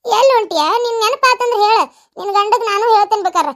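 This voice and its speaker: A woman doing squeaky fussing village relatives. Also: quick pace. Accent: North Karnataka Kannada. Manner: scolding, consoling, folksy. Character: fussing family elders and relatives.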